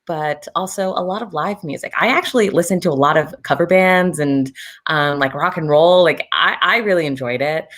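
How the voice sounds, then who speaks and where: A woman with a slightly low voice, left hoarse and raspy, gives a casual online talk as a travel advisor. She chats along with plenty of fillers, heard over a video call. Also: moderate pace, fairly bright tone. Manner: chatty, many fillers.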